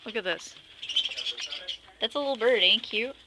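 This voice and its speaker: A woman's voice: on the high side, moderate pace. A young woman filming in a pet store, chattering playfully about the birds and talking to them. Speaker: camera holder narrating. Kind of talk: casual handheld vlog. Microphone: handheld camera mic. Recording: noisy pet store camera audio. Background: chirping birds and store noise.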